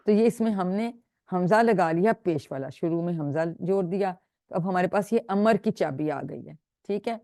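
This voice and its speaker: A woman's voice: fairly low pitch, warm tone, dry recording, studio quality. A woman teaching an online Quran grammar class, patiently drilling students and praising them. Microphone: video call.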